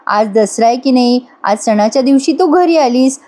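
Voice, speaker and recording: A gentle, motherly older lady who speaks affectionately and coaxes a young girl, as a woman narrator reads her lines. The voice sits a little high, with a soft, caring way of talking. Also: expressive, moderate pace. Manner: affectionate, coaxing, calls the girl "child". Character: kind motherly older woman giving blessings.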